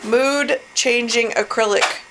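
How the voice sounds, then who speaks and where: A woman's voice: on the high side, steady tone, takes it slowly, fairly bright tone. A woman chatting casually with family while opening packages. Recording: noisy room with clicks and rustling.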